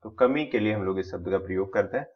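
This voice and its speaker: A man's voice: low voice, quick pace. A man teaching exam vocabulary, explaining words step by step and listing their synonyms. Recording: slightly dull lo-fi sound.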